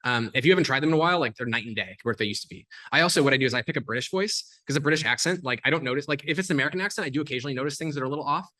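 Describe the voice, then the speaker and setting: A man talking as a podcast guest, explaining things in a fast, animated way, full of "like" and "um" fillers. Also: mid-range voice. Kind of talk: casual explanatory conversation.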